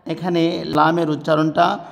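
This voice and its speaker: A man teaching a prayer recitation, spelling each syllable out deliberately and then chanting the words. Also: on the high side, flat delivery, vocal fry, long reverb tail, faint music behind.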